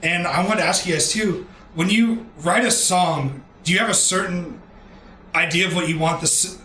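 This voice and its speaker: A man's voice: high voice, normal speed, sharp tone, reverberant, slight background noise. A man hosting a radio show, interviewing a band in an easygoing, loose way. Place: radio studio.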